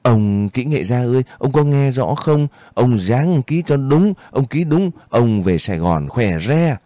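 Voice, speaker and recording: A man's voice: mid-range voice, animated, a little slow, warm tone, dry recording, pitched above the performer's own voice, lightly acted. A man voicing a sly, mocking male military advisor who taunts and wheedles his captive. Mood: taunting.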